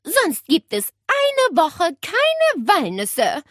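A woman voicing a grim elderly great-aunt who speaks slowly and sternly in a storybook. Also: very high-pitched, huge pitch swings, a bit bright, no echo, studio quality, voice pushed up, exaggerated voice. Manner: slow, stern, drawn-out.

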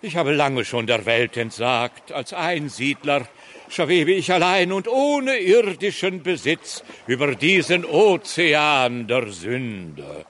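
An actor playing a castaway hermit poet and former thespian, declaiming grandly like a hammy stage actor in a comic audio drama. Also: male voice, a little high, very animated, slow pace, a bit bright, full character voice. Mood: mournful, yearning.

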